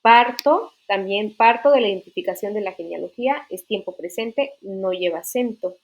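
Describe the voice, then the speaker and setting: A woman's voice: medium pitch, moderate pace. A woman teacher explaining writing rules in an online literature class, patient, often checking that students follow. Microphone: computer mic in an online class.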